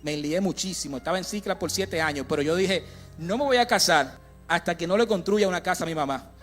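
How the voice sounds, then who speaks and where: A young man with a notably high voice preaches in a church, telling his story in a loose, conversational way. He breaks off and restarts often and speaks straight to the people in the pews. Soft music plays faintly underneath. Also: quick pace. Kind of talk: sermon. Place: church sanctuary.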